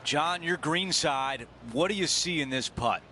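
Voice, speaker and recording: A composed golf anchor in a game broadcast, calling play by play. His voice sits a little high, with clear crowd and outdoor noise behind the commentary. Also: unhurried, pushed and bright. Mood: composed, attentive.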